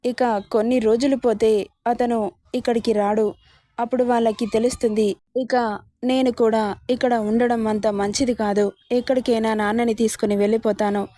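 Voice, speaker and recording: A woman's voice: fairly high pitch, level tone, normal speed, dark tone, dry recording, natural voice. A woman voicing a young bride working through hurt thoughts in an inner monologue.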